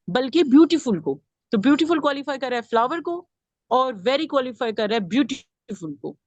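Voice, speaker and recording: A woman with a fairly high voice leads a grammar lesson. She explains each point step by step and keeps asking her class questions. The recording is dry and close. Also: no room sound, muffled recording. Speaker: grammar teacher.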